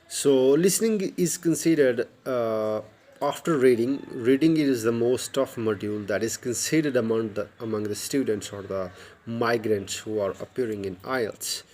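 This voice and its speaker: A Pakistani man in his thirties, a native Urdu speaker, talks in English with a Pakistani accent in a mellow, mid-range voice at a moderate pace. As a YouTube English tutor by a brick wall outdoors, he gives an earnest, casual lesson straight to his phone camera, often repeating and restarting words. He uses a wired earphone mic with the phone held at arm's length.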